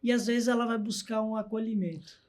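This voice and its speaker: Animated storytelling man. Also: high-pitched, a little fast. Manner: animated storyteller who acts out the people in his stories. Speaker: guest, hospital clown. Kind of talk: storytelling in a podcast interview.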